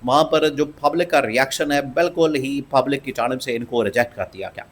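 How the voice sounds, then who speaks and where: A man's voice: medium pitch, a little fast, slight background noise. A man giving opinionated political commentary, emphatic and scornful, and he repeats phrases for stress.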